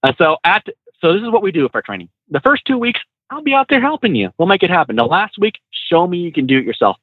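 A man's voice: high-pitched, big pitch swings, fast talker, dry recording, phone-quality sound. A man who trains truck drivers, telling road stories in a casual, slangy way full of fillers and restarts. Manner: laid-back, slangy, many fillers and restarts. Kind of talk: casual storytelling.

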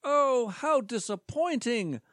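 A man voicing a pompous timeshare salesman in a grand sales-pitch manner. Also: lively intonation, slow pace, a bit bright, no room sound, clean studio sound, exaggerated voice. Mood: salesy.

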